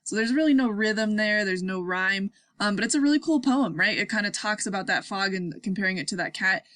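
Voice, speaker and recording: A woman's voice: mid-range voice, lively intonation, brisk, fairly bright tone, no room sound. A young woman teaching sixth-graders in a casual online lesson, upbeat and chatty, often checking in with her class.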